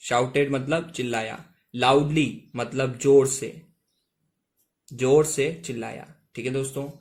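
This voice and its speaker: A man teaching English reading in Hindi, reading each English line slowly, then explaining it word by word. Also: medium pitch. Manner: repeats "ठीक है दोस्तों", reads English lines very slowly.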